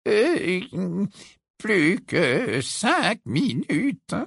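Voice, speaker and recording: A man's voice: extremely high pitch, huge pitch swings, sharp tone, husky, no echo, studio quality, voice pushed up, heavily acted. A man doing a fussy, flustered old professor. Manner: fussy, scandalized, slow. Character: fussy, flustered elderly male wizard professor.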